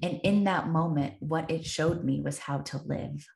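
Low-voiced woman telling a story on her podcast, earnest, keeps repeating lines for emphasis, echoey room. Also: fairly even intonation, moderate pace, creaky, darkish tone. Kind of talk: reflective personal storytelling.

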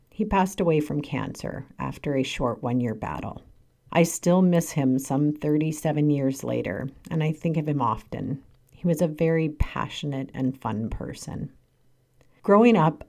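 Canadian woman in her 40s, low mellow voice, earnest measured read. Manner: earnest, measured reading with emphatic stresses. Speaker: podcast host. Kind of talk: scripted personal monologue.

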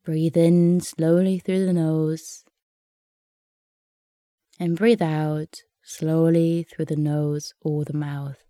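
A woman guiding a meditation in a soft, soothing, unhurried way, leaving long pauses between phrases. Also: low voice, little pitch movement, no room sound, clean studio sound. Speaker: meditation guide. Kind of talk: guided meditation narration.

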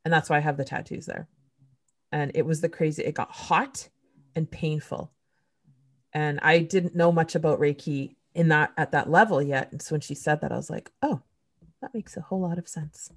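A woman's voice: deep voice, steady tone, normal speed. A woman from Canada hosting a podcast, telling a candid, emotional personal story in casual conversation, with blunt swearing. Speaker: podcast host.

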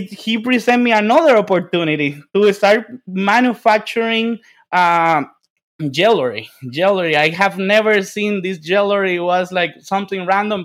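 An excited Dominican man from the Dominican Republic, with a high voice and a Dominican Spanish accent, tells stories as a guest in a casual interview. He's a business development consultant, and he speaks energetically, repeating words, restarting and swearing casually.

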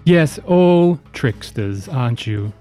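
A man voicing an imperious dwarf overseer in a tabletop game, formal and sardonic, speaking deliberately. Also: medium pitch, animated, warm tone. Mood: measured, sardonic. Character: imperious, accusing male dwarf overseer, suavely menacing. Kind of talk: tabletop role-play. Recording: music behind the voice.

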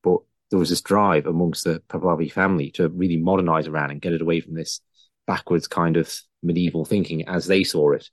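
Very deep-voiced man in conversation. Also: steady tone, a little fast, no room sound, clean studio sound. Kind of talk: conversational historical commentary.

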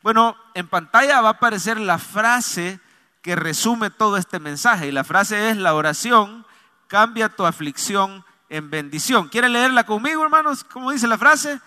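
Fervent preaching pastor in a reverberant hall. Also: male voice, high-pitched, lively intonation, normal speed, pushed and bright, clean tone. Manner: fervent preaching, calls on congregation to respond. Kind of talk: sermon. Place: church hall.

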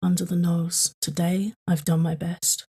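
A woman's very breathy, airy, low and mellow voice steers a tapping meditation for sleep. Her prompts are slow, gentle and repetitive, given in an evenly flat manner.

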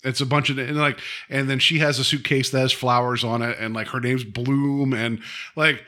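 A man's voice: mid-range voice, little pitch movement, moderate pace, bright, forceful tone. A man co-hosting a casual podcast chat, rambling and packing his talk with "like" fillers. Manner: rambling, full of "like" fillers, laughs often. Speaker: podcast co-host.

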